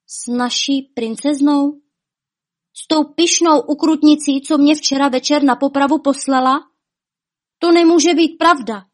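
A woman doing an alarmed young maid, high and urgent. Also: lightly acted. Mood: upset. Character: young frightened princess's maid girl.

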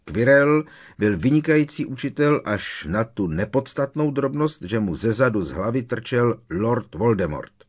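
A man's voice: sits low, slightly rough. A man voicing a defiant, hot-tempered teenage boy who protests in a sarcastic, indignant way.

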